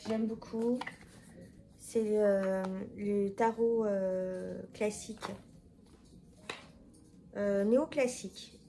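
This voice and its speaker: A woman's voice: medium pitch, drawn-out words, long pauses, mellow, a little hiss or hum. A woman chatting casually to her viewers, rambling with fillers and self-corrections. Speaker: tarot video creator. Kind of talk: casual talk to camera.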